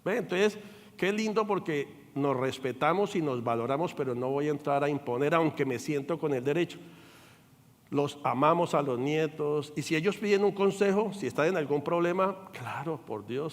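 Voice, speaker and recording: An older man preaching in a church sanctuary, his voice sitting a little high for a man. He speaks with animated delivery and breaks into quoted voices. A long reverb rings through the big room around him. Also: moderate pace. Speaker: pastor. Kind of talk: sermon.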